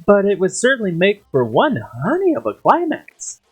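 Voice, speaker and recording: A woman's voice: medium pitch, wildly swooping pitch, normal speed, breathy edge, faint music behind, voice pushed up. A woman voicing a gleeful, mischievous male robot bear headmaster who makes puns and gloats in a sing-song way, read aloud from a game.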